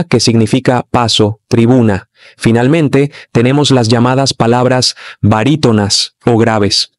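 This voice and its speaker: A man reads out a scripted language lesson, listing terms and examples in an even, deliberate way. His pitch is average and the recording is dry, with no room sound. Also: no echo. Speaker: narrator.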